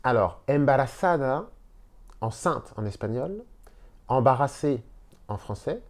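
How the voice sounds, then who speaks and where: Filmed casually in a hotel room, this video lesson features a man teaching Spanish, going slowly and repeating words. His voice is medium in pitch and expressive.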